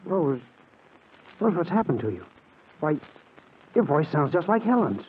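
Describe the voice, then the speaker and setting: Flustered, stammering husband. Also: male voice, fairly high pitch, very animated, measured pace, a little hiss or hum. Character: anxious devoted young husband. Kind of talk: 1940s radio acting. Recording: tinny old radio broadcast.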